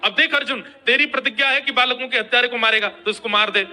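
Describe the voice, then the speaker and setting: Man doing serene god counseling, firm, light teasing, high and bright. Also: fast, soft background music, heavily acted. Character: calm male god advising a warrior.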